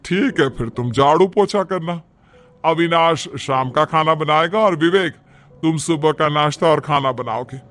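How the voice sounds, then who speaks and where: A man's voice: fairly high pitch, a little slow, fairly bright tone. A man voicing a strict, bossy middle-aged mother-in-law who scolds and gives orders in a cartoon. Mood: stern. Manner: scolding, commanding. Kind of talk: cartoon voice acting.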